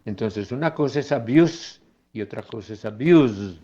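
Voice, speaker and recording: A man teaching English phonetics in a lecture, slowly modelling English words aloud as he goes through slides. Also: medium pitch, expressive, mellow, lo-fi sound.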